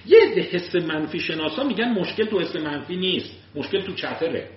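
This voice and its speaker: A man's voice: fairly high pitch, expressive. A man giving a lecture on psychology, who acts out everyday examples as he talks. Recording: roomy, distant, dull sound.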